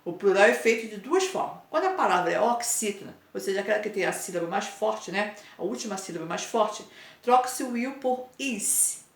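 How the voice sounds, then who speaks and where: Patient Brazilian teacher in an echoey room. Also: female voice, medium pitch, animated. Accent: Brazilian Portuguese. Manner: patient, drawn-out spelling of word endings with frequent "né?" and "tá?" checks. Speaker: Portuguese teacher. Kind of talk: explaining homework to pupils.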